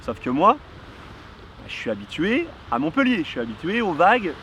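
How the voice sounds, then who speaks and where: A man, casually telling a kitesurfing story outdoors, animated and full of fillers. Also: fairly high pitch, normal speed, slight background noise. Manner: lively, animated, heavy on fillers. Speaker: kitesurf vlogger. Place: outdoors near a surf spot.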